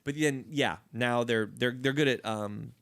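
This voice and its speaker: A man's voice: medium pitch, measured pace, fairly bright tone, clean tone, no room sound. A young man co-hosting a podcast, telling loose, profane stories in casual chat. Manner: loose, profane storytelling with frequent laughter. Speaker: podcast co-host.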